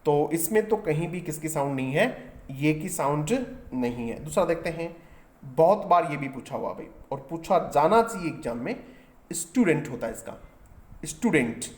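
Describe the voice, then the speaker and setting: A man's voice: a little high, lively intonation, moderate pace. A man teaching an exam-solution lesson, explaining step by step and often asking the class questions.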